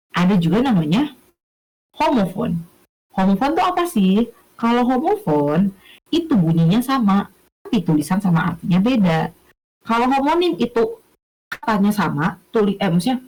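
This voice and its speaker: A woman's voice: medium pitch, a little mellow, low-quality recording. A young woman teaching a casual online lesson, chatty, stopping often to check that listeners follow and correcting herself as she goes. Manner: chatty, checks understanding with questions, self-corrects.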